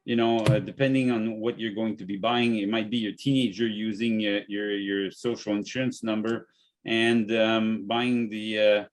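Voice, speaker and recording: Halting man on a podcast. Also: lowish voice, little pitch movement. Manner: halting, repeats words often. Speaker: podcast host and natural health business owner. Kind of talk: casual podcast chat.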